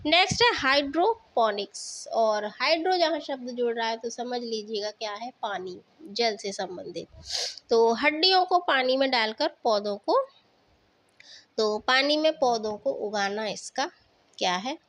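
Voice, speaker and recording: A woman's voice: on the high side, animated, a little slow, a bit bright, no echo. A woman teaching an exam-prep lesson with memory tricks, explaining patiently with fillers and questions to the viewer, and words spoken.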